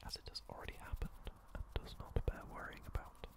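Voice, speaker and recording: A young man giving a soothing whispered ASMR pep talk of positive affirmations, breathy and deliberate, close to a studio microphone. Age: young adult. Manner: soothing, slow, deliberate phrasing with pauses. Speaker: ASMR creator. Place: small indoor room. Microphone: close-up studio condenser microphone.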